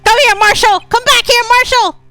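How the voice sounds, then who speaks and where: A woman voicing a shrill, frantic video game character in an amateur read-along. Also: fairly even intonation, normal speed, pushed and bright, faint music behind, full character voice.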